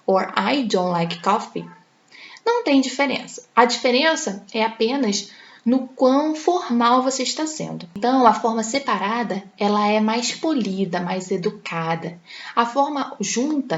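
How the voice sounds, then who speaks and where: A woman with a Brazilian Portuguese accent teaching an English grammar lesson, slowing right down to say each English example sentence. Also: fairly high pitch. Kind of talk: video lesson explaining grammar. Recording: echoey room, slightly dull sound.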